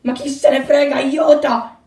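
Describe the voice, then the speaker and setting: A woman voicing a scared young man caught in wire, whimpering and yelling for help, in a homemade toy-brick film. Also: high voice, little pitch movement, unhurried. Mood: desperate. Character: young man trapped in barbed wire, terrified. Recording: roomy, distant mic.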